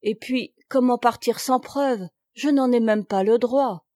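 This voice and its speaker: A woman's voice: on the high side, a little slow, dark tone, no echo, studio quality, close to an everyday voice. A woman voicing a frightened, pleading noblewoman. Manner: pleading and faltering.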